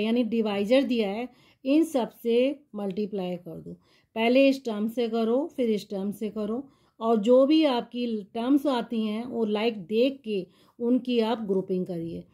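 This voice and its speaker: A woman maths teacher walks the class through polynomial division step by step, patiently posing questions and answering them herself. Her voice sits high and has a dark tone.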